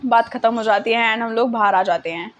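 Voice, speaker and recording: A woman's voice: a little high, fairly quick, muffled recording. A young woman telling a funny personal story in a casual, self-mocking way, mixing English words into her talk. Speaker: content creator.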